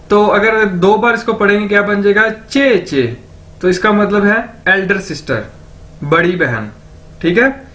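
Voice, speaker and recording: A man teaching a vocabulary lesson, asking a question and then answering it himself, repeating each word slowly several times. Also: high-pitched, fairly bright tone. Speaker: language teacher.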